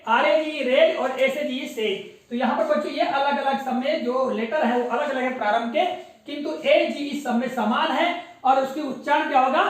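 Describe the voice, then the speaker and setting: A woman teacher giving a classroom spelling lesson, spelling words out letter by letter and quizzing her pupils. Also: high voice. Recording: very echoey room, mic far off.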